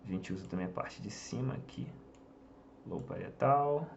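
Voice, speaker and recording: A man's voice: fairly low pitch, expressive, normal speed, vocal fry, lo-fi sound, slight background noise. A Brazilian man teaching an online lesson in casual chat, pointing at a board and dropping frequent "tá?" fillers. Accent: Brazilian Portuguese. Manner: talks while drawing on a board, many fillers like "tá?" and "ó". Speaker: English teacher.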